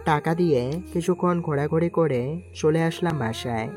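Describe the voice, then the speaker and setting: A man narrates a scripted first-person story, performing its dialogue as he goes. His voice is fairly high and moves at a normal speed, with music clearly audible behind it.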